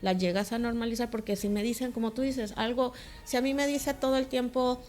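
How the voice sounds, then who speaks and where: A woman's voice: a little high, steady tone, fairly quick, a little mellow. A woman, a teacher, explaining ideas carefully in a casual talk-show conversation. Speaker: teacher and co-host.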